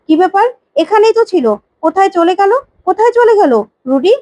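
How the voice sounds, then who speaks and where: A woman's voice: very high voice, expressive, fast talker, warm tone, no room sound, pitched above the performer's own voice. A woman voicing a grieving young widow, hot-tempered and defiant, speaking in an agitated, accusing way. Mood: startled.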